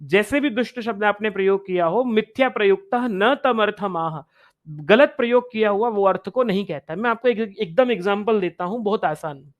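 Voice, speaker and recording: A man's voice: sits high, normal speed. A man teaching Sanskrit in an online exam-prep lecture. He explains step by step, repeats phrases and chants Sanskrit verses.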